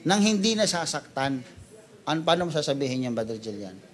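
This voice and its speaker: A male pastor with a Filipino accent preaching a sermon in a mix of Tagalog and English. He teases his listeners playfully, swings up loud and high to stress a point, then drops to quiet asides. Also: very animated, brisk. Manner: switches between Tagalog and English, playful and teasing.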